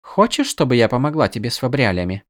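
A man voicing a confident middle-aged noblewoman who talks in a brisk, teasing way. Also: medium pitch, sing-song, lightly acted.

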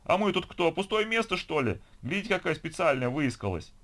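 Indignant man in a queue, complaining, as a reader does him, pitched up. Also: expressive, racing, fairly bright tone.

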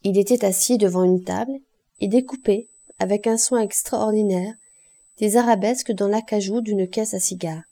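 A woman with a mid-range voice narrates a classic novel as an audiobook reader. Her scripted delivery is measured and expressive.

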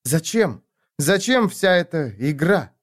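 A bitter one-eyed woman warrior pressing for answers, as a male reader voices her. He lifts his voice higher and makes it sharp and accusing. Fantasy audiobook. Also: very animated, takes it slowly, heavily acted. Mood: demanding. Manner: sharp, demanding questions.

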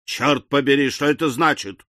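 A man reading an audiobook voices a stout, hot-tempered old country squire with a booming, commanding manner. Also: moderate pace, a bit bright, dry recording, clean studio sound, natural voice. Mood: furious.

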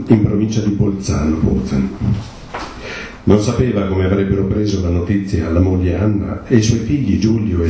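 A man reading a short story aloud at a book presentation, steady and unhurried. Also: lowish voice. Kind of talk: literary reading. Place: event hall. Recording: echoey hall, faint background noise.

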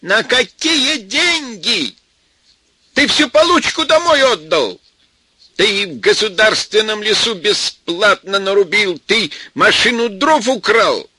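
A man's voice: high-pitched, expressive, takes it slowly, bright, forceful tone, husky, no echo, voice pushed up, heavily acted. A man voicing an older, vindictive village mother-in-law who shrieks and threatens, in a raised, strained voice. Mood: shrieking.

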